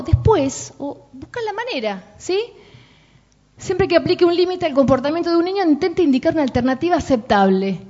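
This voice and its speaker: A woman's voice: sits high, darkish tone. Rioplatense lady giving a chatty parenting talk, always asking "¿no?", kinda muffled lo-fi audio. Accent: Rioplatense Spanish. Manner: chatty, asks "¿no?" and "¿sí?" often. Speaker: parenting workshop speaker. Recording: dull lo-fi recording.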